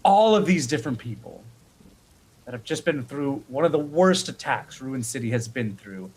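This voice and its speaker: A man narrating a tabletop game as game master, slow and dramatic, easily moved to emotion. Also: mid-range voice, animated, a little mellow, a little hiss or hum, rough recording.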